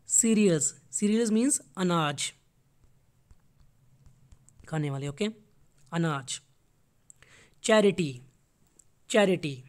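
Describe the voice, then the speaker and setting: A man's voice: high-pitched, a little mellow. A man teaching vocabulary, saying each word twice as if for dictation and adding short plain explanations. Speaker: IELTS teacher. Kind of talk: vocabulary lesson, mixing Hindi and English.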